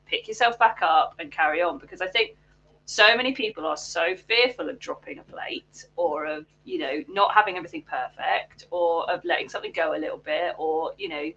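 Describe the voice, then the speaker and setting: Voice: medium pitch, brisk, pushed and bright, dull audio. A host asking long, encouraging questions in an interview.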